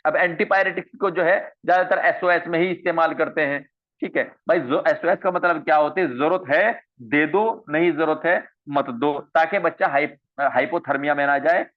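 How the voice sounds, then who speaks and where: A man's voice: on the high side, normal speed. Guy teaching a medical class online, keeps repeating stuff and asking questions, tinny phone-ish audio. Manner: repeats key terms and asks rhetorical questions. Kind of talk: online coaching lecture.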